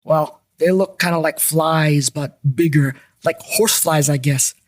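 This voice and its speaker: Wry investigator narrator, voiced by a man; dry asides, a bit high, scripted drama. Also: a little slow, no room sound, lightly acted.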